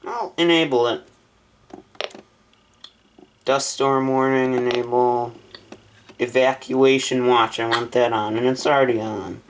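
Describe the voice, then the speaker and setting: A vlogger sets up a weather radio in a casual unboxing chat, thinking aloud as he reads menu options and picks one. His medium-pitched voice stays fairly even at a measured pace with frequent pauses, and the audio is poor with slight background noise.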